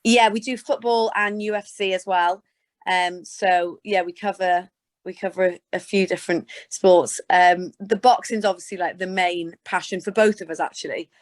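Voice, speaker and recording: A British woman from Scotland and Gloucestershire, England, a sports presenter, chats informally as a guest in a casual interview. Her voice is fairly low and steady, at normal speed, and she answers conversationally.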